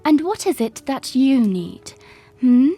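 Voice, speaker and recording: A woman playing a gentle, concerned young princess in a fan audio drama. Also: sits high, big pitch swings, slow, slightly rough, soft background music, full character voice. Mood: curious, concerned.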